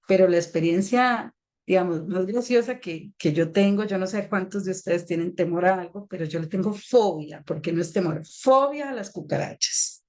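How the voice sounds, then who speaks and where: A young adult woman audiologist telling a lively, self-mocking anecdote on a panel, acting out moments as she goes. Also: on the low side, normal speed.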